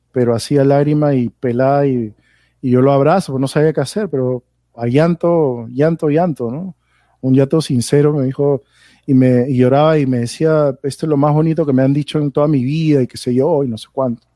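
A man's voice: on the high side, dark tone, dry recording. A man from Peru with a Peruvian Spanish accent, a podcast guest telling anecdotes casually and tagging his phrases with a questioning aside. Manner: rambling storyteller, tags phrases with "¿no?".

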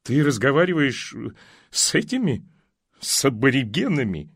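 A man's voice: mid-range voice, sing-song, moderate pace, husky, no room sound, studio quality. A man doing a haughty older mother-in-law. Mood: cool disdain. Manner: cool, disdainful.

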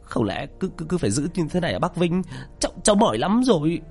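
A man's voice: fairly high pitch, very animated, quick pace, darkish tone, faint music behind, voice pushed up. A man voicing a jittery young nephew who stammers and pleads. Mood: exhausted.

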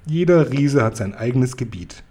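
A man's voice: mid-range voice, lively intonation, normal speed, dark tone, natural voice. A man voicing a kind, big friendly male giant from a storybook, who talks in a folksy way and mangles his words. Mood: earnest. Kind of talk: bedtime story reading.

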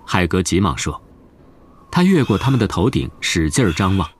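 A man narrating a novel as an audiobook in a steady storytelling manner. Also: sits low, normal speed, husky.

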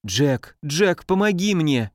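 A timid, frightened housekeeper woman begging to be let out, as a male reader puts her on. The voice is raised and lively, in a dry close recording. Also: a little high, slow pace, no echo. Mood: pleading. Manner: timid, pleading. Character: frightened middle-aged woman, housekeeper, pleading.

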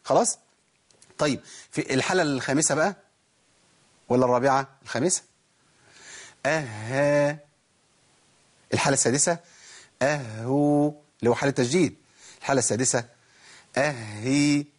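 A man's voice: medium pitch, racing, long pauses, breathy edge. A man with an Egyptian Arabic accent teaching a tajweed lesson, asking and answering his own questions and demonstrating letter sounds. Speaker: Quran recitation teacher.

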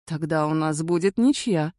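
Dry joking charming guy from an audiobook, woman reading him, warm lowish voice. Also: normal speed, no echo, close to an everyday voice. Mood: wry. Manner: dry, self-deprecating humor. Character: wry charming man, easygoing and self-ironic.

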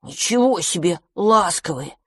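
A woman's voice: on the low side, animated, a little slow, a bit bright, husky, dry recording, studio quality, exaggerated voice. A woman voicing a young boy mouse who is jealous and fretful, talking in a grumbling way.

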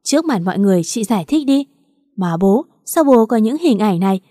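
A woman's voice: fairly high pitch, expressive, a little fast, warm tone, no room sound, studio quality. A woman reading the lines of a young sister-in-law who snaps accusingly. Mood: indignant. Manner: snapping and accusatory.

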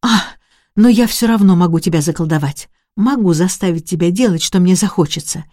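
A reader voicing a young, gravely ill woman who insists feverishly that she will live and orders others about. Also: medium pitch, fairly quick, warm tone, dry recording, studio quality, lightly acted. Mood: commanding. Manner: pleading, then commanding and mocking. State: coughing, short of breath.

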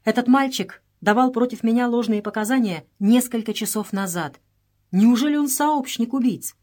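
A woman's voice: fairly high pitch, normal speed, mellow, pitched above the performer's own voice, lightly acted. A woman voicing an impulsive, grieving young Englishman who speaks in urgent exclamations in a read-aloud story.

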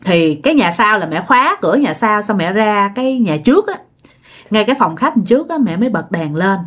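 A woman's voice: medium pitch, very animated, brisk. A woman with a Southern Vietnamese accent, chattily retelling a listener's ghost story and repeating words for effect.

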